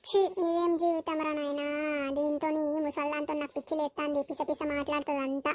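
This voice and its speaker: A woman's voice: high-pitched, level tone, fast, a little mellow, natural voice. A woman voicing a grumbling young village daughter-in-law with a Telangana accent. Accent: Telangana Telugu. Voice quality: muttering, grumbling.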